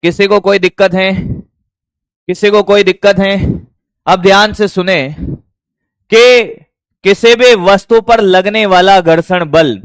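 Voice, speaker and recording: A man's voice: high voice, fairly even intonation, slow pace, smooth, dry recording. A man teaching physics to a class, often calling students "beta" and firing repeated check questions at them. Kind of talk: classroom lecture.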